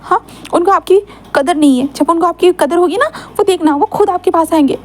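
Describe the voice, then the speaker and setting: A woman voicing a gentle young man who speaks softly and reassuringly to someone he loves. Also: very high voice, brisk. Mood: soothing. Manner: soft, calm, reassuring. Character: gentle young man, soothing and devoted suitor.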